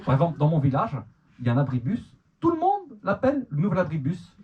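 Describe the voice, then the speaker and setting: His voice sits a little high and swings hugely in pitch as he talks quickly, carrying a Manche Normandy French accent. This young comedian performs a teasing, self-mocking set in a club, often stumbling and starting his words over. Audience laughter fills the noisy, dull, lo-fi recording.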